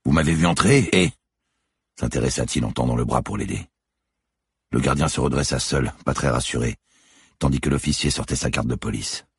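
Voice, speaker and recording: Audiobook narrator: man, very deep and raspy, measured suspense reading, dry close sound. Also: fairly even intonation, no room sound. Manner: measured, suspenseful, deliberate phrasing. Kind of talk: scripted narration.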